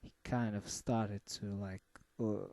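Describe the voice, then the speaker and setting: Slow, halting man reviewing an album. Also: fairly low pitch, fairly even intonation, gravelly, mellow. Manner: slow, halting, many fillers and restarts. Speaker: music reviewer.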